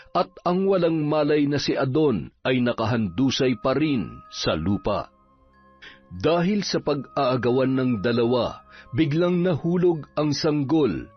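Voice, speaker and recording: Brief: man reading a scripted horror tale, dramatic and expressive, dull lo-fi recording. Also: mid-range voice. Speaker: storyteller. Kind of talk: scripted horror story narration.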